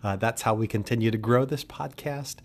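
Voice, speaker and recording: A man's voice: medium pitch, fairly quick. A male podcast host speaking in an upbeat, chatty solo monologue and joking with his listeners.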